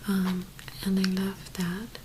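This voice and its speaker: A woman speaking in a soft, hushed whisper, gently presenting an ASMR tapping video. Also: medium pitch, monotone, takes it slowly, noisy background.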